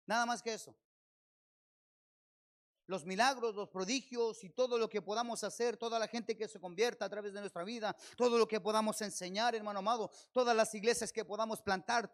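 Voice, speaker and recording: A man with a Chilean accent preaching a sermon as pastor at a church service, firing rhetorical questions at his congregation and swelling loud on key phrases. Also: sits high.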